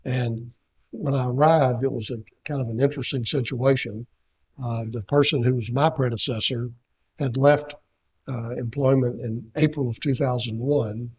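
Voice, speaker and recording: A man's voice: mid-range voice, steady tone, moderate pace, a little mellow, slightly rough. An older man from Kentucky giving a seminar talk, telling a rambling personal story full of fillers and restarts. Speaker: seminar speaker. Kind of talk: anecdotal talk.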